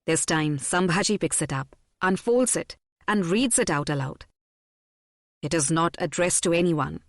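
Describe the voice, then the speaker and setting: A woman narrating a historical audiobook in a measured, dramatic storytelling manner on a close studio mic. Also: lowish voice, lively intonation, dry recording. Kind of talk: scripted narration.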